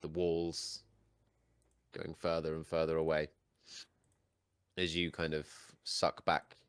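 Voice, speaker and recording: Male game master, low-pitched, dry sound, measured and suspenseful fantasy narration. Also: completely flat delivery, clean tone, no room sound. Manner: measured, suspenseful scene-setting in short phrases.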